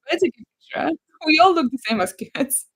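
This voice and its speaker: A woman's voice: high voice, expressive, quick pace, no room sound, low-quality recording. A woman from Poland, rambling in a casual live chat with viewers. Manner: rambling, chatty, reads viewer comments aloud. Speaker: livestream host.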